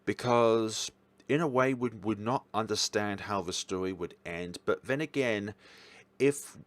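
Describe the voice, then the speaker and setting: In a dry recording, an unhurried man with a lowish voice hosts a chatty visual novel ranking. He wanders and self-corrects, keen but hesitant.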